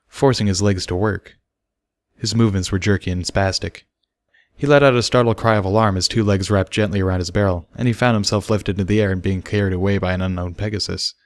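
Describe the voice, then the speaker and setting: A man narrating a fan story as an audiobook, with a steady, dramatic delivery. His voice is very low, and it has a dry, close sound. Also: dry recording.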